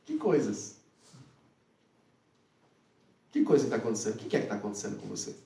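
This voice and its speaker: A man voicing a calm, gentle figure who asks soft questions, recorded from afar in a roomy hall. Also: mid-range voice, creaky, voice pushed down. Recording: echoey hall, from far off.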